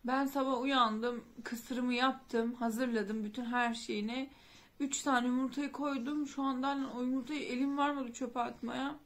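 A woman's voice: high voice, steady tone, a little slow. A woman in a vlog recounting a family death, grieving and rambling, with frequent restarts and fillers. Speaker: vlogger. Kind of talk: emotional personal storytelling.

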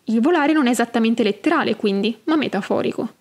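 A woman hosting a podcast, narrating and explaining fantasy lore in a measured, explanatory way. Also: a little high, animated. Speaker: podcast host.

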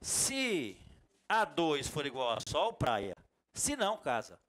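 Lively, high-voiced Brazilian man teaching. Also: slow. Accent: Bahian Brazilian Portuguese. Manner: lively, jokey, talks to the class. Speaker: computer course teacher. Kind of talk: classroom lecture.

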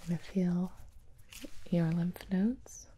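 A young woman in an ASMR role-play as a calm, attentive doctor, speaking in a soft, breathy soft voice with a gentle, reassuring manner. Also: lowish voice, takes it slowly, slight background noise. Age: young adult. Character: calm, attentive female doctor examining a patient. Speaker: ASMR performer playing a doctor.

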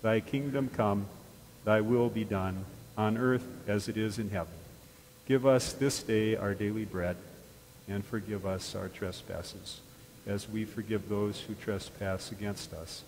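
A man leading a church service as pastor, speaking calmly and measuredly through prayers and blessings. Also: on the low side, slight background noise. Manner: calm, measured liturgical speech. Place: large church sanctuary. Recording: reverberant church from a distance.

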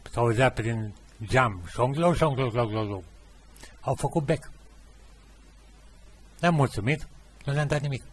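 A man's voice: medium pitch, husky. A middle-aged man with a Romanian accent telling rambling anecdotes in a casual monologue and acting out the dialogue. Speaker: podcast host.

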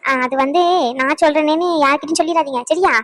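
A woman's voice: high voice, fairly even intonation, quick pace, dry recording, lightly acted. A woman voicing an anxious middle-aged mother in a cartoon, talking in a fretful, confiding way. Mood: worried. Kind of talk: cartoon voice acting.

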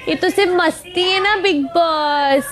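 High sing-song woman pleading playfully. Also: measured pace. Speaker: reality show contestant. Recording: clip with loud music behind.

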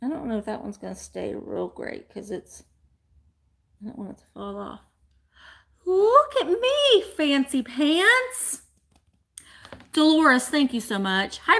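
A woman, chatting bubbly and fast to live viewers from a small room at home. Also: high-pitched, sing-song, bright, forceful tone. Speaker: vintage reseller host. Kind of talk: casual live-stream chat.

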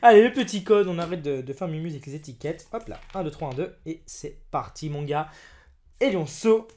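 Excitable man opening trading cards. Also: a little high, brisk. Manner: excitable, exclamatory, lively; chatty, addresses viewers as friends. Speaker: card-opening YouTuber. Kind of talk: excited card-opening commentary.

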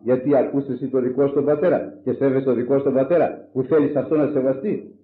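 A man preaching a sermon in an animated, rhetorical way, swinging from loud exclamations to low asides. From Greece. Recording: echoey, phone-like lo-fi recording.

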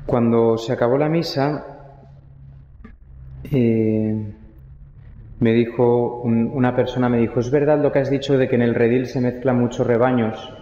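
Young Spanish priest preaching in echo. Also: male voice, mid-range voice, fairly even intonation, a little slow, long pauses. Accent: Spain. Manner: reflective preaching with quiet rhetorical asides. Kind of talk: sermon. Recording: echoey church, long reverb, dull sound.

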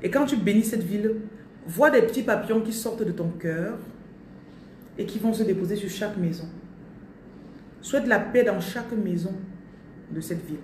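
A woman's voice: medium pitch, a little mellow, a little hiss or hum. A woman giving a live spiritual coaching talk, declaring affirmations over her audience with emphasis and repeating her phrases. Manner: repeats phrases and slips into English. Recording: roomy echo, distant mic.

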